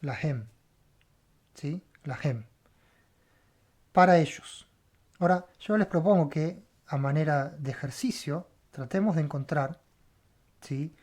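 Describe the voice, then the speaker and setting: A Hebrew teacher leads a word-by-word Bible language lesson in a mid-range, slightly mellow voice, moving slowly with long pauses. He spells out letters, repeats sounds, and asks a questioning "right?" after each step.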